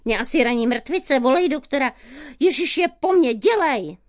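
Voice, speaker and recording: A woman voicing a hysterical, panicky small man in glasses, yelling frantically in a read-aloud story. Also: sits high, lively intonation, voice pushed up.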